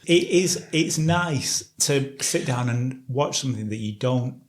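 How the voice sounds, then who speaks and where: A man co-hosting a podcast in casual chat, easygoing and quick to laugh. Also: medium pitch, expressive. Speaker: podcast co-host.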